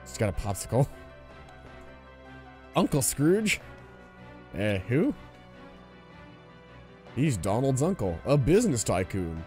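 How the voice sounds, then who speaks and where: A man's voice: on the low side, very animated, unhurried, pauses often, warm tone, faint music behind. A man casually commenting while he plays a video game on a live stream. He explains things as he goes and reads the game's text aloud.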